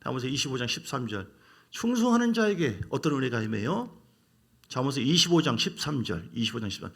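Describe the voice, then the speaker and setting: A man preaching a sermon as pastor, with emphatic rises and drawn-out words. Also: medium pitch, sing-song, fairly bright tone.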